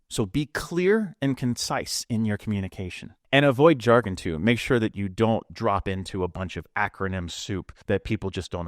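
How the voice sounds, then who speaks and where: A man's voice: on the low side, dry recording, studio quality. A middle-aged man, a leadership coach, giving advice to the camera in an emphatic, confident way. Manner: emphatic, confident, demonstrates tones of voice. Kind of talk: talking-head advice vlog.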